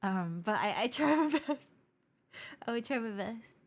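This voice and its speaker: A woman's voice: on the high side, animated, measured pace. Giggly streamer woman with a stuffy nose. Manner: giggly, self-deprecating. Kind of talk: casual live-stream chat.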